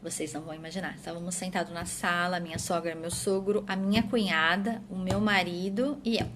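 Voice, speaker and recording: A woman with a somewhat low voice tells her story as a mother, answering questions in a personal testimony. She talks earnestly and lets her phrases fall softer at their ends. There is a faint hum behind her. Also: fairly even intonation, a little fast.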